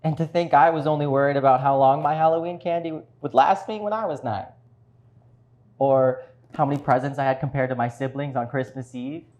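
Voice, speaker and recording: A man playing both parts in a one-man show, earnestly and deliberately narrating a refugee family's story on stage. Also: medium pitch, steady tone, darkish tone, lo-fi sound, natural voice. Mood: earnest, reflective. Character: grown child earnestly recounting a refugee mother's childhood.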